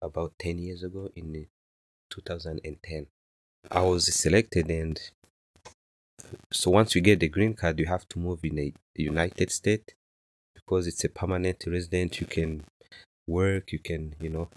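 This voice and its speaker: A man in his thirties from Rwanda, a native Kinyarwanda speaker, answering interview questions softly and hesitantly with many fillers. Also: sits low, steady tone, measured pace, no echo, clean studio sound. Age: 30s. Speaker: interview guest.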